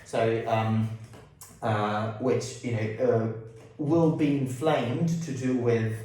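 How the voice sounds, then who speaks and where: Man, clinician explaining, halting delivery, muffled by a face mask, strong room echo, far from microphone. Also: medium pitch, steady tone, a little mellow. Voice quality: slightly muffled from speaking through a face mask. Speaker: consultant osteopath and physiotherapist. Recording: very echoey room, distant mic.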